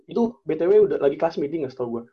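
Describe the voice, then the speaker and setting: A young man in casual chat, telling a personal story in an animated way, acting out the dialogue and using plenty of slang and fillers. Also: a little high, very fast, slightly rough, muffled recording.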